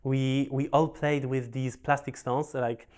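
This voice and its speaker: Halting and full of fillers, a young Polish professional Go player shares his story casually, often restarting and repeating himself. He has a Polish accent and a medium-pitched voice.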